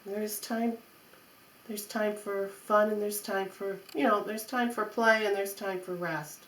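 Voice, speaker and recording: A woman's voice: medium pitch, steady tone, a little slow, a bit bright. A woman giving an off-the-cuff mystical tarot horoscope reading, repeating phrases in a coaxing, reassuring way. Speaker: tarot reader. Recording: roomy echo, faint background noise.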